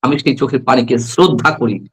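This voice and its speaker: A man's voice: mid-range voice, a little fast, slightly rough, rough recording. A man from Bangladesh, a journalist guest on a political talk show, arguing with passion and firing rhetorical questions.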